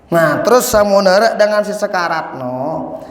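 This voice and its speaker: High-voiced preacher in an echoey hall. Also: male voice, normal speed. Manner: animated, addresses congregation directly, chants the creed. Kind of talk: sermon.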